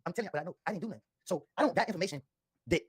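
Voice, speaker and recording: A man in an interview, telling his story in a defensive, insistent way with a husky voice. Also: high voice, rapid-fire, no room sound, studio quality.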